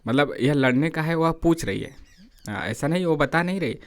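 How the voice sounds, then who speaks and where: A man's voice: on the high side, expressive, moderate pace. Male teacher reading and explaining a story. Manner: stops the reading to explain words and ask the class rhetorical questions. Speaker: literature teacher. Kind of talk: reading aloud and explaining a story for exam prep.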